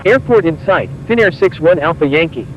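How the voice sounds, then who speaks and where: A man reading back air traffic clearances as a pilot over a cockpit headset radio, in clipped, even radio phrasing. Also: on the high side, a little fast, muffled recording.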